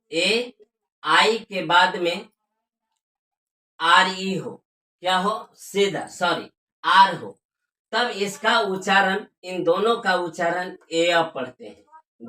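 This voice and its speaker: Woman, English teacher, slow and deliberate, spells out letters, repeats words, echoey room. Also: lowish voice, sharp tone. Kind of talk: spoken language lesson.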